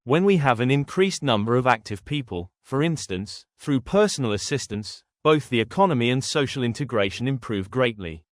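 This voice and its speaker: A man's voice: medium pitch, lively intonation, normal speed, few pauses. A man delivers a formal, prepared candidate statement with confidence. The recording is dry and close, with no room echo. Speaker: board candidate.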